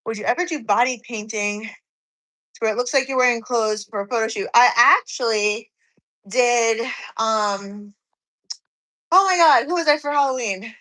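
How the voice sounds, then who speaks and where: A woman's voice: fairly high pitch, moderate pace, pushed and bright, poor audio. A woman in her forties, slightly out of breath from cardio, chatting on a live stream and reading viewers' comments aloud. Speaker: fitness streamer.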